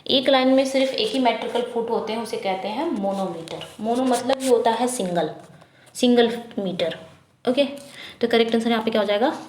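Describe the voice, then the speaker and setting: A woman teaching an English exam prep lesson, reading questions slowly and explaining quickly in Hindi, asking and answering herself. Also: on the high side, a little mellow, roomy sound, slight background noise. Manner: repetitive drilling, asks then answers herself.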